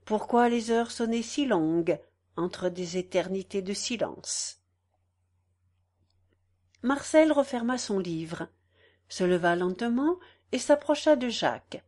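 A woman narrating a novel in a dramatic, measured audiobook reading, pausing between phrases. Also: medium pitch, a little mellow.

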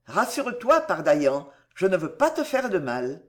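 A reader voicing a cold, menacing grand inquisitor in an audiobook, calm and slow, spacing out each word with insistence. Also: mid-range voice. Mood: calm menace. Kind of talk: audiobook reading.

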